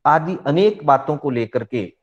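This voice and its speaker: A man teaching Jain scripture, slowly reciting Sanskrit sutras, repeating each one, and patiently explaining them to his listeners. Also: a little high, lively intonation, lo-fi sound. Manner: patient, addresses listeners as brothers.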